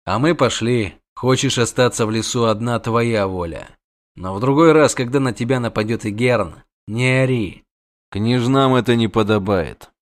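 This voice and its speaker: A man voicing a gruff, weary grown monster hunter, talking low, curt and measured. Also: close to an everyday voice. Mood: dry, mocking.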